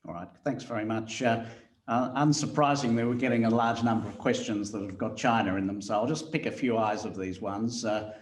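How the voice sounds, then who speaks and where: A man's voice: lowish voice, fairly even intonation, fairly quick, roomy sound. A man moderating a webinar, reading out audience questions hesitantly with many filler sounds.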